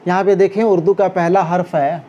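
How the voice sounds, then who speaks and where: A man teaching a handwriting lesson, talking slowly through each stroke as he writes and checking in with a rising "okay?" after every step. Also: high-pitched, steady tone, dark tone. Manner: talks while writing, guiding each stroke. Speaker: Urdu teacher. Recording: dull lo-fi recording with faint noise.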